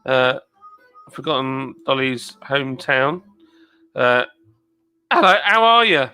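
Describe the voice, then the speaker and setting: A man's voice: mid-range voice, animated, takes it slowly, bright, forceful tone, smooth, faint music behind. A man hosting a casual late-night live stream, chatting away in a rambling manner and reading viewer comments aloud.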